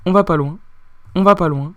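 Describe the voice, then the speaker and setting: A man's voice: high voice, normal speed, fairly bright tone, dry recording. A man giving let's-play commentary as a YouTuber on a platform game, muttering repeated phrases under his breath and bursting into swearing and yelps when he fails.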